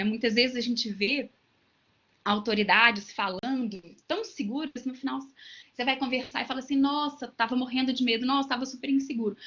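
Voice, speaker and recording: A lo-fi recording captures a woman with a high-pitched, fairly bright voice. Speaking Brazilian Portuguese with the accent of her home state, Minas Gerais, she lectures teachers online and explains using everyday examples and passing asides.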